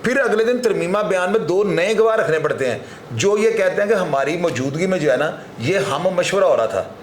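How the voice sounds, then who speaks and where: A man's voice: sits high, animated, moderate pace. A man with a Pakistani Urdu accent, a senior crime analyst explaining legal points in an emphatic, lecturing way on a talk show. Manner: lecturing, emphatic, frequent filler 'jo hai na'. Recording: echoey room with faint noise.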